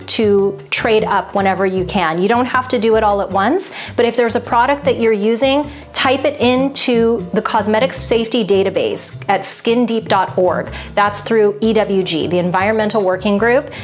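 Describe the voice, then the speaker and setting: A woman coach talking casually to camera, sharing personal care tips in a relaxed, chatty way with frequent fillers. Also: medium pitch. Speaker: wellness coach and vlogger. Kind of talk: casual product tutorial to camera.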